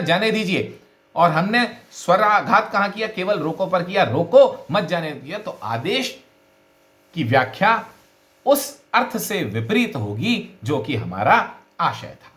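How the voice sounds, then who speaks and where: A middle-aged man teaches logic in a recorded video lecture. His pitch moves a lot as he leans on words to show how stress changes meaning, with an occasional "uh" between phrases. The room around him echoes noticeably. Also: a bit bright. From India. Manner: deliberate explaining, stresses words to demonstrate meaning, frequent "uh" fillers. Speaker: philosophy professor.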